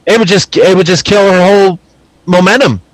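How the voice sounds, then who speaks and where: A man's voice: sits high, fairly quick, poor audio. A man co-hosting a podcast, giving blunt opinions in casual wrestling chat. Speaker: podcast co-host.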